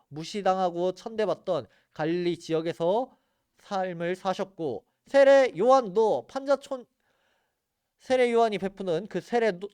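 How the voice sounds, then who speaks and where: A man's voice: sits high, darkish tone, clean tone, no room sound, clean studio sound. A man teaching a church Bible geography class in an earnest, explanatory way. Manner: earnest, explanatory, points at maps and photos.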